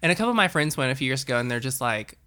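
A woman with a bright, forward voice talks through a movie with a co-host, enthusiastic and chatty. Her tone stays crisp and lively in this casual recap. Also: a bass voice, racing. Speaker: podcast co-host. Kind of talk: casual chat.

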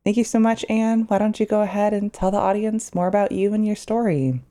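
A woman's voice: medium pitch, a little fast, warm tone. A woman hosting a podcast, introducing her guest and asking questions in a friendly manner. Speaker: podcast host. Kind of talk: podcast interview.

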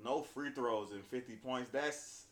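A man's voice: medium pitch, unhurried, fairly bright tone. A man hosting a casual basketball chat, reading out stats and news in a laid-back, slangy bro style. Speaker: host of a basketball talk show. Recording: echoey room.

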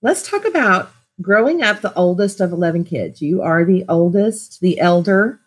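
A woman's voice: fairly low pitch, animated, moderate pace, breathy edge, dry recording. A woman in her fifties hosting a podcast, chatting conversationally through introductions and interview questions. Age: 50s. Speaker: podcast host.

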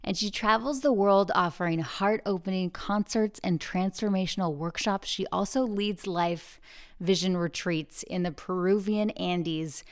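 A woman hosting a podcast in casual, chatty talk, recorded alone in a huge, high-ceilinged room with lots of echo on a portable travel mic. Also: unhurried. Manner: chatty and bubbly, jokey asides. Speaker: podcast host. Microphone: portable travel microphone.

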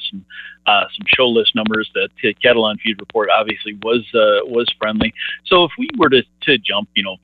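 A man on a phone call giving casual market commentary, halting with many filler pauses. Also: fairly low pitch. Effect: over the phone. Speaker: market analyst guest. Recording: tinny phone line with faint noise.

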